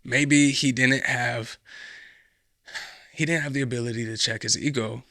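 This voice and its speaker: American man, podcast host, casual rambling talk, repeats himself, bright tense tone, medium pitch. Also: steady tone, a little slow, creaky, dry recording, clean studio sound. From United States. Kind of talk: casual political commentary.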